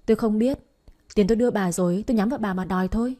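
A woman's voice: medium pitch, animated, fast talker, dark tone, husky. A woman voicing harsh women creditors who curtly demand their money back and threaten in an audio story. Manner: curt, threatening.

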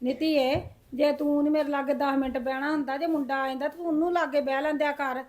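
A woman's voice: high voice, fairly even intonation, fairly quick, darkish tone, close to an everyday voice. A woman playing a lonely old grandmother, lamenting. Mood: bitter. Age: older. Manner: sighing, lamenting, talks to herself. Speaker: grandmother in a short film. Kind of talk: village drama acting.

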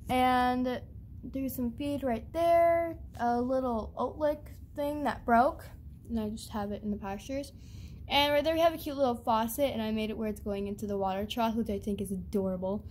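A young woman hosting her channel gives a chatty, casual show-and-tell tour of her toy barn setup, filming on a handheld phone and pausing on fillers. Her voice is on the high side, with a little hiss or hum.

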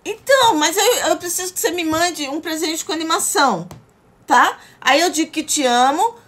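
A woman's voice: extremely high pitch, moderate pace, a bit bright. A woman hosting a live stream, effusively thanking viewers for gifts and chatting casually.

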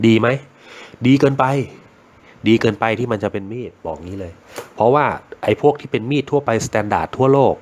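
Middle-aged guy with a lowish voice rambling about knives, jokey, swears a lot. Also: darkish tone. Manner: joking, rambling, swears freely, acts out little dialogues. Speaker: knife shop owner reviewing knives. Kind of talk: casual product chat.

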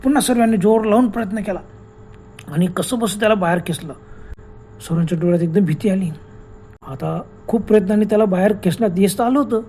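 Male storyteller with a dark mellow voice. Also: high voice, fast talker, a little hiss or hum. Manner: dramatic, exclamatory telling. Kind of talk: dramatic horror story narration.

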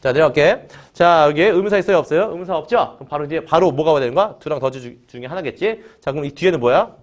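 Speaking quickly, a male teacher runs an online lesson on English grammar in Korean, his voice a bit on the high side. He begins nearly every phrase with a brief "자," peppers students with questions, and makes them echo key words while going through each example.

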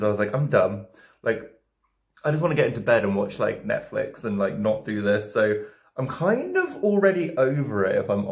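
A man's voice: medium pitch, creaky. A man in his twenties, drunk on wine, chatting casually to camera through a tutorial, rambling, doubting himself and losing his thread. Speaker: makeup video creator. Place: indoor home studio with dark backdrop, roomy. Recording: roomy, echoing indoor sound.

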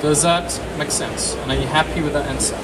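A man's voice: fairly high pitch, steady tone, brisk. A man from France in his thirties, a game designer talking casually and upbeat to an audience, repeating words. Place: small dark convention room. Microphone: distant camera mic. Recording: distant mic, loud room noise.

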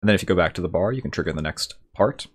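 A man hosting a let's play, commenting and reading the game's story text aloud in a relaxed way. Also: sits low, racing. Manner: relaxed, reads narration at an even clip.

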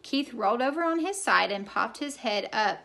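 A woman's voice: fairly high pitch, expressive, moderate pace, vocal fry, bright, forceful tone. Woman reading a children's book aloud. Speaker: teacher.

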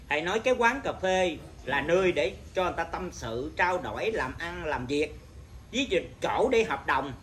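A Buddhist monk teacher giving an informal dharma talk, blunt and scolding, with a naturally loud voice. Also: male voice, high-pitched, a little hiss or hum.

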